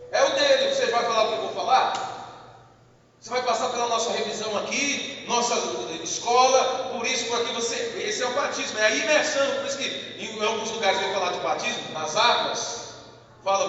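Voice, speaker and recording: A man with a Brazilian Portuguese accent preaching a live church sermon, animated and jokey, acting out quotes as he tells stories. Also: very high-pitched, a little hiss or hum. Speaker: pastor. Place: church service hall. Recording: echoey church hall, distant mic, muffled.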